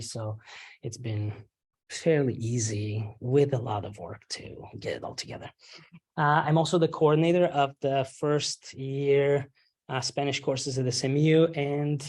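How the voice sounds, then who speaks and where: A man in his thirties from Romania, giving a workshop presentation to faculty in a halting way, with frequent ums and a habit of asking "right?". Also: medium pitch, darkish tone. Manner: halting, many ums and uhs, tags rhetorical questions with "right?". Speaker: university lecturer leading a faculty workshop.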